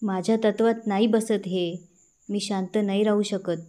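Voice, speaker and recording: A stern elderly village father scolds in blunt rural speech, read out by a woman narrator. The voice sits at a middle pitch and keeps an even storytelling tone. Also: unhurried, close to an everyday voice. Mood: scolding.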